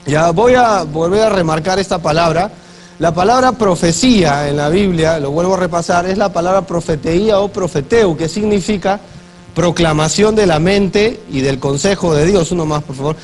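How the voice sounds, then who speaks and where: A man preaching a sermon as pastor, slowly reading Bible verses aloud and asking the congregation questions. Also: high-pitched, a little hiss or hum. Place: church.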